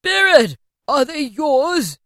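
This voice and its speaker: A woman's voice: medium pitch, big pitch swings, moderate pace, no echo, studio quality, lightly acted. A woman voicing an old miserly man who asks anxious, hesitant questions. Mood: uneasy.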